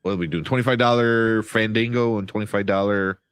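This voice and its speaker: A man's voice: fairly low pitch, fairly even intonation, a little fast, smooth, no echo, clean studio sound. A man hosting a livestream in a casual, chatty style. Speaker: livestream host. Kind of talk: casual chat.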